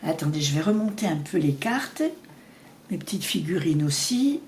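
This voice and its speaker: A woman doing a casual tarot reading, talking fast and rambling with many restarts. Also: sits low, expressive, darkish tone. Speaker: tarot reader. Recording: echoey room with faint noise.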